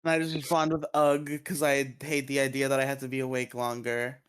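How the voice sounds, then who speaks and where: A man's voice: mid-range voice, level tone, quick pace, a bit bright, clean tone. A man co-hosting a podcast in casual chat, sleepy and yawning, rambling with lots of fillers. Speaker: podcast co-host.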